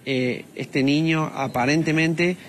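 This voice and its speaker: A man's voice: on the high side, fairly even intonation, slow, fairly bright tone. Argentine male reporter out on the street. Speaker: field reporter. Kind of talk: live news reporting and street interview. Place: residential street, outdoors. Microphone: handheld news microphone. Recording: noisy outdoor live broadcast.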